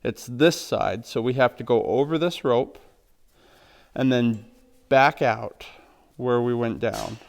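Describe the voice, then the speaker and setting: A man showing how to tie knots for working with horses. He talks slowly and in a practical, step-by-step way. His voice is smooth and clear, pitched at a middle height. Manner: plain, practical, step-by-step explaining. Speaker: horse trainer. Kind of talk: instructional demonstration.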